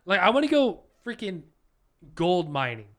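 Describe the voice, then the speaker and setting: Co-hosting a relaxed couple's podcast, this man wanders through stories and self-deprecating jokes. He speaks at a moderate pace in a high, fairly bright voice with big pitch swings.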